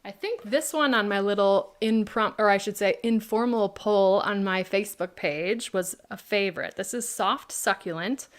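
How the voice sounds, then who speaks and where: This woman hosts a casual craft livestream, demonstrating products in a medium-pitched voice at a normal pace with few pauses. She's chatty and friendly, answering viewers' questions by name.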